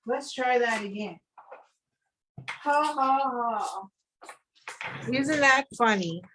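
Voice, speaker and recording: A woman leads a live online card-making class at an easy, unhurried pace. Her voice sits in a middle pitch, and she chats along while she works, teasing herself over small mistakes. A faint hiss runs under the recording. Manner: chatty, self-deprecating, laughs at her own mistakes. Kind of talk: live virtual craft class.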